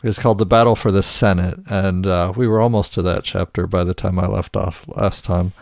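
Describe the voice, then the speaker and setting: Podcast co-host, man, deep-ish, halting casual delivery with fillers. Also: steady tone, creaky, a little mellow, no echo, studio quality. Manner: hesitant, many restarts and fillers. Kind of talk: casual chat, reading book excerpts aloud.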